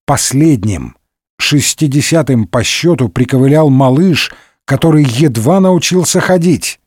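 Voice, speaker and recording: A man narrating a comic parody audiobook with wry, expressive storytelling. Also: medium pitch, measured pace, breathy edge, no echo, studio quality.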